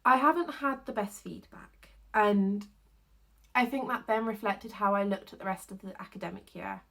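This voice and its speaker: A woman's voice: mid-range voice, normal speed, creaky, fairly bright tone. A young woman, talking candidly to camera about her university year and laughing often between thoughts. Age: 20s. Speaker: university student vlogger. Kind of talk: casual talking-to-camera vlog. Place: home basement.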